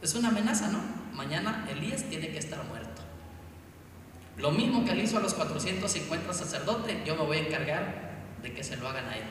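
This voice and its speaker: Male preacher with a Chiapas Mexican accent, high bright voice, far off in a reverberant hall. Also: animated, fairly quick. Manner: storytelling, addresses listeners as hermanos. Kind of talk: sermon. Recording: echoey hall, distant mic, faint noise.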